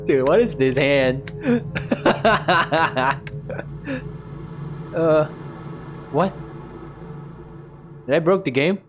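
A male streamer talks through a game in a slow, unhurried way, his pitch swinging widely. He mocks himself, chats to the characters, and breaks into screams and laughter, with game music playing underneath. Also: animated. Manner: self-mocking, chatty, bursts into screams and laughs. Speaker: gaming streamer. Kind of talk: live game commentary.

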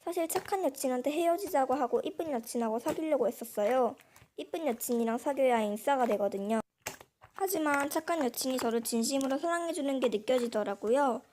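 A woman's voice: sits high, darkish tone, a little hiss or hum. A woman hosting a radio-style segment, reading a listener's letter aloud through a voice changer. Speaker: radio-style story host.

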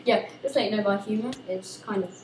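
A young woman, chatting excitedly while recording herself playing a video game. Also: mid-range voice, a little fast, roomy sound, background noise. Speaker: gamer recording gameplay. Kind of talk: let's play commentary.

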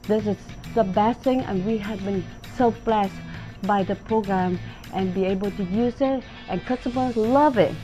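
Sitting in her own dining room, a middle-aged woman who runs a restaurant shares her story warmly and enthusiastically for an interview testimonial. She speaks at a normal speed in a medium-pitched, warm voice over soft background music.

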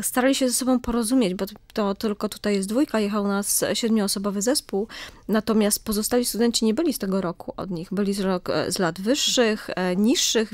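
A woman's voice: medium pitch, no room sound. A middle-aged woman, an archaeologist, explaining at length with many fillers in a radio studio interview. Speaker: archaeologist guest. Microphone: studio mic close up.

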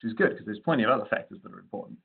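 A man's voice: on the low side, animated, racing, gravelly, husky. A man giving a casual webinar lecture on winemaking yeasts, loose and conversational, with frequent fillers and restarts. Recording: tinny phone-like audio.

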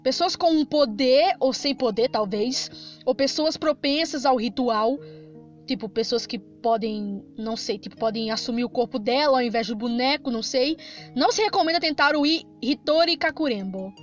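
A woman with a Brazilian Portuguese accent doing Let's Play commentary, chatty, reading game text aloud and reacting with quick jumps of fright. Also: high voice. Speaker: gaming streamer. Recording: slightly dull lo-fi sound with game music.

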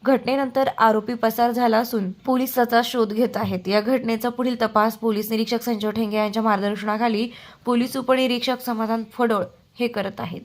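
A woman reading a local news report in a steady, formal manner. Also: a little high, a little fast. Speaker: news reader. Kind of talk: scripted news narration.

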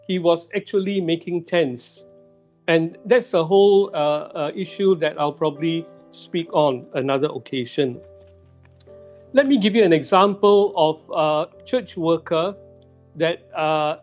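High-voiced male pastor preaching slowly. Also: a little mellow. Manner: slow, deliberate preaching with repeated emphasis. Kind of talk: sermon. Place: church sanctuary.

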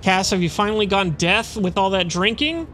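A man's voice: high-pitched, expressive, moderate pace, a bit bright, slight background noise. A man voicing a stern, solemn chaplain in a video game, speaking formally.

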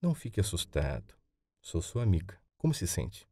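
A man's voice: low voice, big pitch swings, moderate pace, creaky, warm tone, slightly rough, no echo, studio quality, full character voice. A man voicing a cheerful young woman. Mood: kind.

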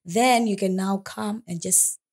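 A woman's voice: medium pitch, measured pace. Malawian woman in her 30s, talkative interview guest, laughs easily. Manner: chatty, laughs often, animated quoting. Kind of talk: casual interview storytelling.

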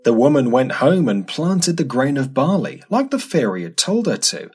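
A man narrating an animated fairy tale in an expressive, scripted storybook style. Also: mid-range voice, moderate pace, very noisy. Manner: expressive, sing-song.

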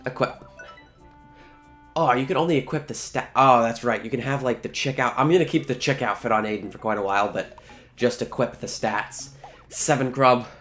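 A man's voice: mid-range voice, moderate pace, a bit bright. Casual, offhand man gaming over music. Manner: offhand, sweary, talks to game characters. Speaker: let's play host. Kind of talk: casual video game commentary. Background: game music.

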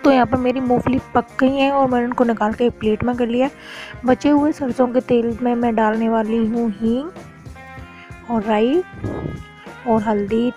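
Young woman vlogging from her kitchen, talks you through every step, kinda high voice, soft music under it. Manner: chatty, narrates her chores step by step. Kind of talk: casual home vlog. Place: home kitchen.

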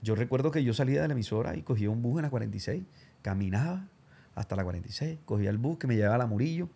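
Brief: male host, gravelly and husky, lively storyteller. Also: mid-range voice, rapid-fire. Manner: animated, slangy, does voices of people he quotes. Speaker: show host and radio announcer. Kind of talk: casual storytelling interview.

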